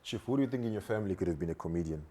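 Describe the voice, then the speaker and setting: A man's voice: low voice, racing, mellow. A young South African man co-hosting a casual chat, telling rambling family stories and swearing casually. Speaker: podcast co-host.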